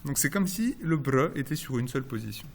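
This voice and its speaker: A man giving a recorded university lecture on phonology. He explains step by step, often pausing on fillers and restarting phrases, and slows down to spell out each example. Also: mid-range voice, animated, vocal fry.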